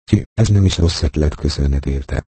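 A man's voice: rumbling low, dark tone, husky, no echo. A man voicing a cruel, mocking nobleman who speaks in a sneering, scornful way.

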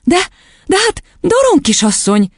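A woman reading an audiobook and voicing a gentle young schoolteacher who argues her case earnestly. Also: extremely high pitch, wildly swooping pitch, no echo, studio quality, voice pushed up, full character voice. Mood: indignant.

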